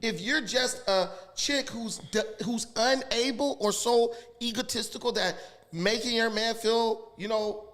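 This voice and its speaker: A man's voice: very high-pitched, a little slow, fairly bright tone. A man guest on a podcast, talking in a blunt, crude and insistent way. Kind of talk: heated casual talk.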